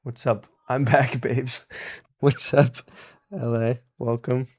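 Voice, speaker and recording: While soldering electronics on a casual live stream, a man chats, laughs often, and thanks and greets his viewers. His voice is medium-pitched and darkish, with a flat delivery and slow pace.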